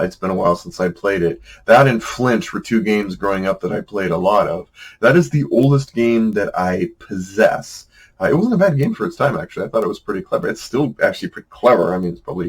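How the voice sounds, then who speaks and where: Here a middle-aged man with a low, husky voice hosts a laid-back board game talk show, heard through poor audio. His manner is chatty and wry with a self-deprecating streak, and he often fills with "uh" and restarts his sentences.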